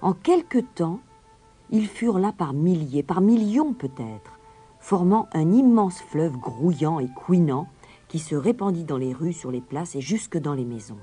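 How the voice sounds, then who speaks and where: A woman's voice: low voice, big pitch swings, a little slow, dark tone, slightly rough, faint music behind. A woman narrating a storybook tale expressively, dropping to a whisper for suspense.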